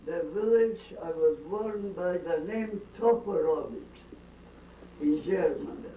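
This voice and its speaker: An older woman with a fairly low voice, originally from Bukovina and later Austria, is interviewed at her family home during a dinner gathering. She slowly and haltingly tells rambling family stories, drifting off topic and giving blunt, strong opinions. The home tape is roomy, distant, dull and lo-fi, with faint hiss.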